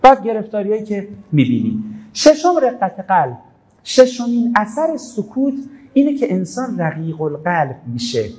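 A man's voice: high-pitched, sing-song, dark tone, poor audio. Conversational man giving a religious talk. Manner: conversational storytelling, quoting scripture. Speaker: preacher.

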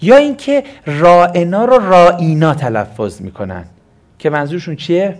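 Man, slightly high voice, Quran exegesis lesson, explanatory, asks and answers own questions. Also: very animated. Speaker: Quran teacher.

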